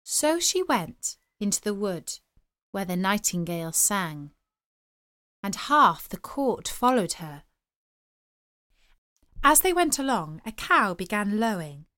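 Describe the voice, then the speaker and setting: Slow, expressive woman reading a fairy tale. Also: medium pitch. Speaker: storyteller. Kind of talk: storybook reading aloud.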